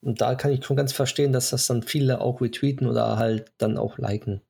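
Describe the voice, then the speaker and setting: Husky man in casual chat. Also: medium pitch, steady tone, a little fast, a little mellow. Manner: chatty, hesitant with fillers. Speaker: podcast co-host.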